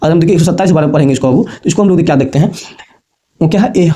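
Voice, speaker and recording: A man's voice: a little high, very fast, dark tone. A man teaching a basic maths lesson to students, repeating points patiently and calling them affectionately. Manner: repetitive, addresses students as babu and bachchon.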